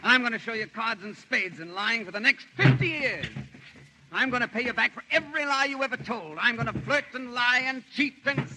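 A man's voice: extremely high pitch, a little fast. An actor playing a brash, scheming American newspaperman in a 1930s screwball film comedy, bossy and wisecracking. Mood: bossy urging. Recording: noisy old film soundtrack.

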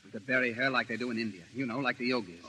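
A man's voice: medium pitch, racing, pushed and bright, slightly rough. An actor playing a brash, scheming American newspaperman in a 1930s screwball film comedy, bossy and wisecracking. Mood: sardonic scheming. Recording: noisy old film soundtrack.

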